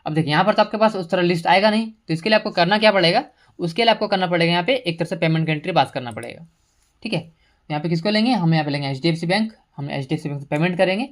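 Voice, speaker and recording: A woman teacher giving a step-by-step software tutorial at her computer, explaining each entry while mixing English terms into her speech. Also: fairly low pitch, racing. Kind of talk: screen-recorded software tutorial.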